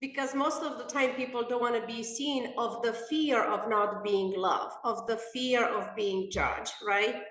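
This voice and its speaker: A middle-aged woman from Romania, a guest answering interview questions in an earnest, thoughtful way, pausing and restarting as she goes. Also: on the high side, steady tone, a bit bright. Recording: roomy echo.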